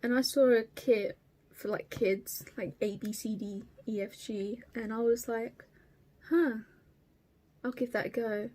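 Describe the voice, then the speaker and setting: A craft vlogger from Kent, England, a woman in her twenties with an Estuary English accent, chats casually to camera about her craft, rambling and swearing as she goes. Her voice is a little high and a little mellow, with fairly even intonation and a slightly slow pace.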